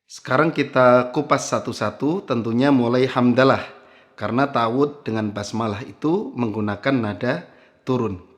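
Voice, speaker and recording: A man teaching Quran recitation melodies, chanting verses slowly and then explaining each step in a lower speaking voice.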